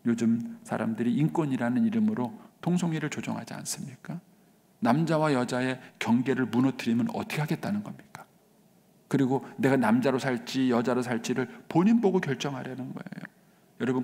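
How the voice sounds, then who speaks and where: A middle-aged man preaching a sermon as pastor, swinging between raised, emphatic exclamations and hushed whispers. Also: medium pitch, fairly quick. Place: church sanctuary. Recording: reverberant church sanctuary.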